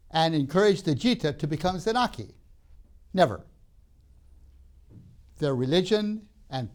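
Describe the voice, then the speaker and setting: An older man who grew up in Tanzania lectures at a seminary in this recording, in a fairly high-pitched voice. His delivery is measured and emphatic, marked by pauses, hesitant "uh"s and restarts.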